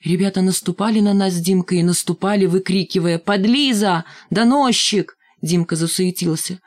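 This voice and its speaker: A woman narrating a first-person story in a measured, expressive reading. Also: lowish voice. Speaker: audiobook narrator.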